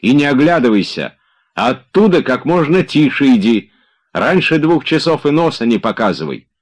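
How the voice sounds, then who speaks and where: A man's voice: mid-range voice, big pitch swings, moderate pace, pitched above the performer's own voice. A man voicing an impatient nobleman who nervously pushes and orders his servants about. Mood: commanding. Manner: urgent, commanding, nervous. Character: agitated impatient male nobleman.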